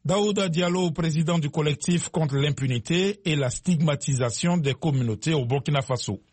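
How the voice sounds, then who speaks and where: A man presenting the radio news in a formal, measured way. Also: a little high, a little mellow, slightly rough, dry recording. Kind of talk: scripted news reading.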